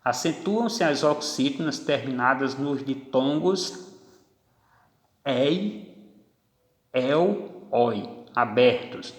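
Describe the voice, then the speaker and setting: A male grammar teacher explains rules at an unhurried, deliberate pace. He draws out each example word clearly. The recording sits in an echoey room with a long, lingering reverb. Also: medium pitch, lively intonation. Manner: slow, deliberate, stretches out example words. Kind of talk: classroom grammar lesson.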